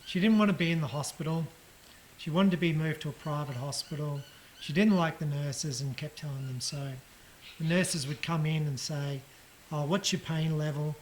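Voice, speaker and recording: A man giving a casual personal account of his hospital stay, halting and reflective, with frequent ums and restarts. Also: fairly high pitch, a little hiss or hum, poor audio. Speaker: patient recounting his surgery.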